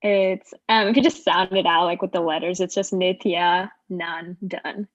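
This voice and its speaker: A woman, a debate candidate, speaking patiently and reassuringly over a video call. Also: mid-range voice. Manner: patient and reassuring, spells things out slowly. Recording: dull, dry video call audio.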